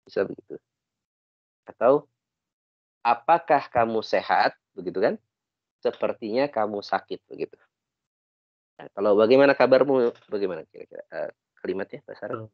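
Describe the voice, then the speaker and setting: A man's voice: fairly low pitch, expressive, normal speed, pauses often, no echo, highs cut off. A man with an Indonesian accent teaching an online Arabic class, patiently correcting and translating phrases.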